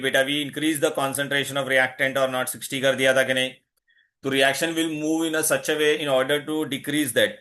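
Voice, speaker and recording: A man's voice: mid-range voice, bright, forceful tone. A man with an Indian accent teaching an online lesson, insistently asking questions and switching between English and Hindi. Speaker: chemistry teacher.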